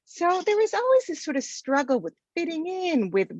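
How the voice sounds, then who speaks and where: An Argentine sociology professor with a very high, widely swinging voice lectures informally at normal speed, with lots of ums and restarts. The recording is dry, and the video call audio sounds dull and lo-fi.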